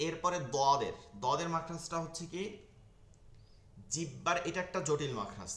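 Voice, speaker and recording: A man's voice: on the high side, animated, normal speed, fairly bright tone, reverberant. A man teaching Quran pronunciation in an online class, explaining where the tongue goes and repeating each Arabic letter sound many times over. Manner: explains tongue and teeth placement step by step.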